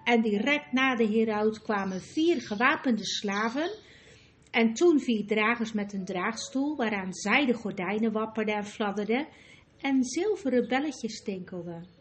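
A woman narrating a children's fantasy story in a measured, expressive way. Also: fairly high pitch, slight background noise. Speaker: audiobook narrator.

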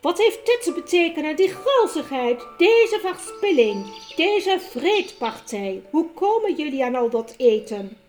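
A woman voicing a cruel, imperious witch queen who talks in a shrill, commanding voice, with music playing behind. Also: very slow, few pauses, full character voice. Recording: music bed behind the reading.

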